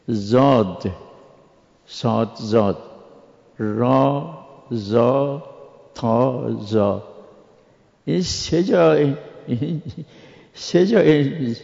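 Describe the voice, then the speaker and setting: Male religious lecturer, very gravelly voice, patient and explanatory, pronouncing sounds slowly. Dull, reverberant lecture-hall recording. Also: mid-range voice, warm tone. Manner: spells out Arabic letter sounds slowly, explanatory. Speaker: religious scholar teaching. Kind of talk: jurisprudence lecture.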